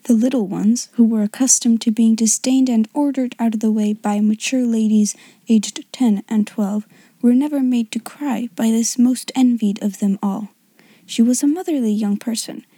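Breathy woman narrating softly. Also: a little high, no room sound. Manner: soft, half-whispered reading. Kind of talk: audiobook narration.

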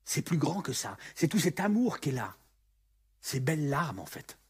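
A man delivers a lively sermon, his voice fairly high and swinging widely in pitch. The tone is husky and rough at the edges. He slips into the voices of the people in the story as he tells it. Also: normal speed. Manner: animated, acts out the story's speakers. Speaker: pastor.

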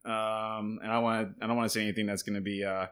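A man's voice: fairly low pitch, level tone, fast, fairly bright tone, clear, resonant tone. A man talking casually as a guest about the absinthe he makes, joking and laughing often. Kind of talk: casual chat.

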